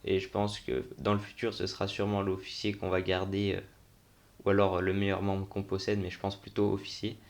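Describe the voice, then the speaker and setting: A man's voice: low voice, completely flat delivery, a little fast, creaky. A young man giving casual, unscripted commentary on a game tour, thinking aloud in informal, slangy language. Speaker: gaming video host.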